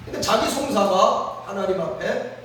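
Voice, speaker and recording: A man's voice: sits high, moderate pace, a bit bright, slight background noise. A man preaching a sermon as pastor, earnest and often prompting listeners with rhetorical questions. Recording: very echoey room, mic at a distance.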